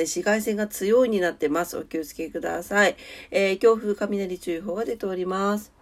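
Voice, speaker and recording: A woman with a congested, nasal voice hosting a casual morning radio-style show in a polite, chatty way. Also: mid-range voice. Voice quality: nasal, stuffed-up voice. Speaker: solo morning audio show host. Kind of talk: casual morning radio-style chat with weather and daily notes.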